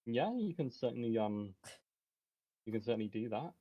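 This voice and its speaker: A man's voice: medium pitch, expressive, moderate pace, lo-fi sound. A man acting as game master for a tabletop game, talking hesitantly with many fillers. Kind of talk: running a tabletop game over a call.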